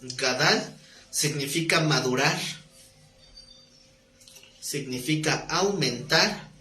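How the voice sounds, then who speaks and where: A man's voice: on the high side, takes it slowly, pushed and bright, faint music behind. A man preaching a teaching sermon in a conversational way, asking his listeners questions. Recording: echoey room, faint noise.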